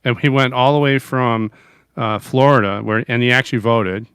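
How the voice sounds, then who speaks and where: Smooth-voiced rambling podcast co-host. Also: male voice, mid-range voice, moderate pace, a bit bright, no room sound, studio quality. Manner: rambling, restarts often, chuckles. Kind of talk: casual political chat.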